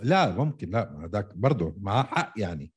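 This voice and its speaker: A man with a Palestinian or Jordanian Levantine Arabic accent and a husky, fairly low voice. He debates sports casually at a rapid clip, pressing his points by repeating them. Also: very animated. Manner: argumentative, repeats himself insistently.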